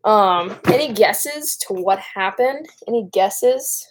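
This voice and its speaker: A woman's voice: mid-range voice, animated, slow, slight background noise. A young woman with a Great Lakes Michigan accent chats casually on a live stream in an informal, rambling way. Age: young adult. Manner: rambling, informal, breaks off and addresses viewers.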